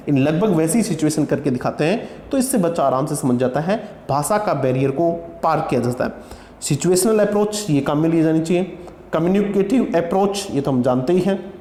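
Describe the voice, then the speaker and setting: A man's voice: a little high, dark tone, reverberant, in a large hall. A man with an Indian English accent giving an exam prep lecture, drilling word pronunciations by repeating each one several times. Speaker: teacher.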